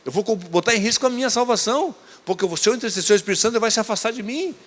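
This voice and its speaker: A man, preaching a church sermon with emphatic, raised appeals and soft asides. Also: sits high, racing. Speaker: pastor. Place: church service. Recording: reverberant church hall.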